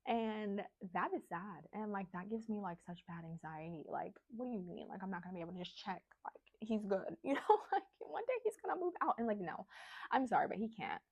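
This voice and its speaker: A young woman, a new mom, talking in a chatty sit-down vlog, animated and casual, often saying "like" and "y'all". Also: lowish voice, dry recording, poor audio.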